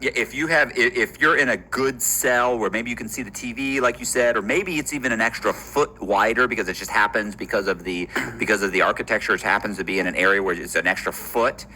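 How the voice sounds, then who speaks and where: A man's voice: on the low side, fast, hardly any pauses, bright, forceful tone, slight background noise, low-quality recording. A man talking casually about his time in prison, earnest and restarting his sentences often. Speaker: former inmate. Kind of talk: casual conversation.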